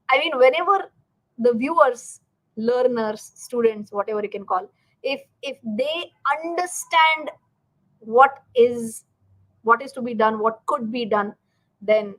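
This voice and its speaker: A woman's voice: on the high side, a little slow, long pauses, low-quality recording. A woman with an Indian accent hosting a live-streamed lesson, speaking emphatically to her learners and often posing questions she answers herself. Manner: animated, emphatic, asks and answers own questions; addresses learners directly, checks in with "right" and "okay". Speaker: finance teacher and live stream host. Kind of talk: live stream lesson, chatty explanation to viewers.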